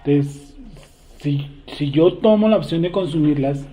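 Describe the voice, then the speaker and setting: This man's voice is a bit high and dark in tone, and he speaks at a measured pace over slight background noise. As a Torah study teacher, he reads verses to his group and poses one rhetorical question after another, captured on a tinny, echoing, phone-like recording.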